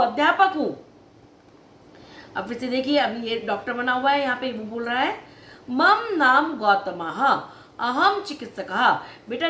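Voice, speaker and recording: Lively high-voiced woman teaching a class. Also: reverberant. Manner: addresses students as beta, repeats each word slowly with its meaning; sing-song emphatic teaching cadence, sometimes rushed asides. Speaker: Sanskrit teacher. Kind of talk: online lesson explaining a textbook chapter.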